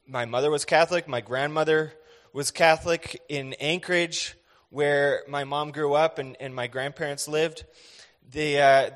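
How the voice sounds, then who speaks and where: A man's voice: mid-range voice, fairly bright tone. Give me an earnest American missionary man talking to a congregation in a reverberant hall. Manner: earnest, conversational, frequent fillers. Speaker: missionary speaker. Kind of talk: church missions presentation. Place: church sanctuary. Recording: echoey hall with long reverb.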